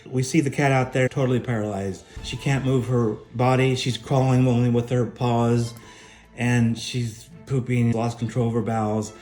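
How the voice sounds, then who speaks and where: A man's voice: mid-range voice, little pitch movement, moderate pace, darkish tone, faint music behind. A middle-aged man telling a personal spiritual testimony in an earnest, emphatic, preacher-like way. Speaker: spiritual speaker sharing a testimony.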